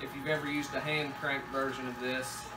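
A man's voice: medium pitch, little pitch movement, brisk, over loud music, rough recording. A man in his thirties, a homestead father, casually explaining a kitchen task while working with his kids at home. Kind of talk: casual demonstration.

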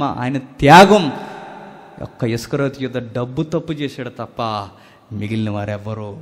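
A man preaching a sermon at a church service, swinging between loud emphatic bursts and hushed, near-whispered lines. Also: medium pitch. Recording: long hall reverb.

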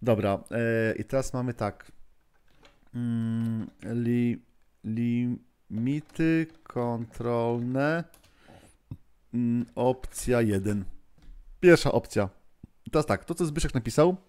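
Guy teaching on a live stream, slow and rambly, lots of ums and restarts, keyboard clacking in the background. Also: mid-range voice, a little mellow, clean tone. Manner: unhurried, thinks aloud with many fillers and restarts; chatty asides to viewers and moderators. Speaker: trainer hosting a live stream. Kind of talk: live-streamed lesson answering viewer questions.

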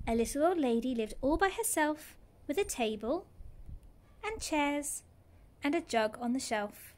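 Young woman, nursery storyteller, high-pitched, very expressive intonation, read-aloud style. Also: a little slow. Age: young adult. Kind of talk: animated children's read-aloud. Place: outdoors in a garden.

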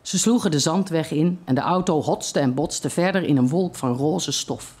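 Calm reader for a live short-story evening, measured delivery. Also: medium pitch, slightly rough. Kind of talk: reading a short story aloud at a literary evening.

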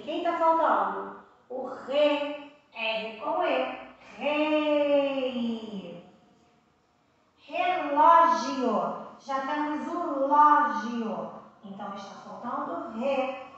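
A Brazilian woman teaching first graders, spelling out syllables slowly and patiently with prompting questions. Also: sits high, expressive, heavy reverb, far from the mic, highs cut off. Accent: Brazilian Portuguese. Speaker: primary school teacher. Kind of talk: slow, clear classroom instruction for young children.

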